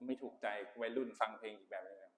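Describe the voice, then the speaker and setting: A man's voice: medium pitch, fairly even intonation, quick pace, darkish tone. A university lecturer, a man, explains material to his class in a chatty, informal way, switching between Thai and English terms. He is recorded on a phone in an echoey lecture room with a faint hum of background noise.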